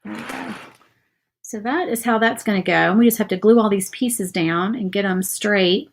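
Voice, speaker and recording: A craft vlogger in her thirties from Virginia, USA, talks casually in a light Southern accent while painting a project and answering viewers' live comments. Her voice is medium in pitch at a moderate pace, chatty and friendly as she thinks aloud, recorded on a phone or camera close by.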